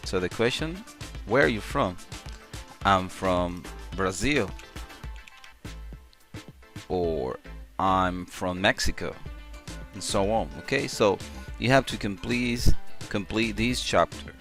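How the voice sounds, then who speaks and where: A man teaching a beginner English grammar lesson, repeating example sentences slowly and clearly. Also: low-pitched, animated, fairly bright tone, faint music behind. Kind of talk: slow classroom-style grammar lesson.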